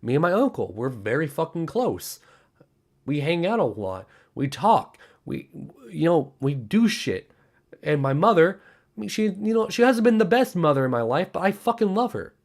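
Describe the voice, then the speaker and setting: Earnest young man, lively pitch. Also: moderate pace. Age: 20s. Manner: earnest, repetitive, emphatic, with swearing. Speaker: streamer. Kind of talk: candid personal monologue.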